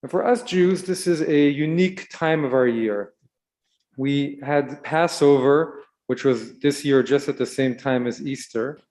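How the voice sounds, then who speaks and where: A man who was born in Israel gives a gentle, storytelling sermon to children at a Shabbat service and asks them questions along the way. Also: mid-range voice, a little slow. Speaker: rabbi. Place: synagogue sanctuary.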